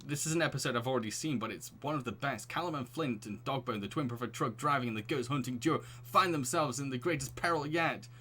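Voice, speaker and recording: Guy streaming a game, chatty and restless, bright voice, laughs alot. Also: mid-range voice, fast talker, hardly any pauses, husky. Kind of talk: live-streamed game play with reading aloud.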